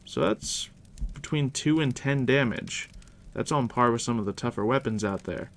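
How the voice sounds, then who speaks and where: A man plays a dungeon master guiding a new player in an ASMR roleplay, speaking in a deep, hushed near-whisper. He's casual and unhurried, with a dry, teasing manner. A crackling fire provides steady background noise.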